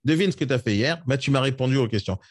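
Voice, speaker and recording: A man's voice: medium pitch, animated, no room sound, clean studio sound. A man coaching real estate agents in a live session, blunt and scolding, sometimes mocking. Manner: blunt, scolding, rapid-fire.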